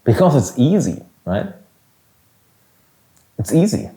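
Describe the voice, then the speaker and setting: A man's voice: on the high side, very animated, slow pace, dark tone. A young man with a German accent, hosting a casual motivational podcast in an earnest, emphatic way with some swearing. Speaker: podcast host and business coach.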